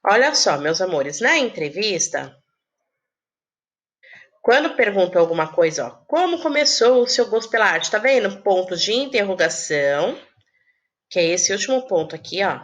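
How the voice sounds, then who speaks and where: A woman teaching a recorded lesson to young children, explaining slowly and posing questions she answers herself, with affectionate terms of address. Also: mid-range voice, sing-song, fairly bright tone. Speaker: primary school teacher.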